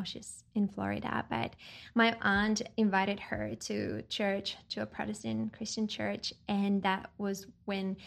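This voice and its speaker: Podcast guest, woman from Chile, earnest reflective testimony, gravelly fry in the voice. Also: medium pitch. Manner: earnest, reflective, many ums. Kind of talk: faith testimony conversation.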